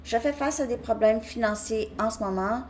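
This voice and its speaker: A woman's voice: a little high, normal speed, noisy background. A woman giving a casual tarot reading, talking hesitantly with frequent restarts and "ok?" check-ins. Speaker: tarot reader.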